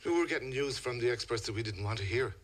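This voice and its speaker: A middle-aged man with a west of Ireland accent, giving a personal account in a radio interview in measured, halting phrases. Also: mid-range voice. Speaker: interview guest, a father telling a family story.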